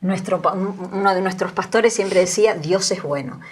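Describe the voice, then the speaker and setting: A woman's voice: mid-range voice, normal speed. Earnest Argentine woman in her sixties. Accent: Argentine Spanish. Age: 60s. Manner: earnest, emotional storytelling. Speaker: guest. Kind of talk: testimony in an interview.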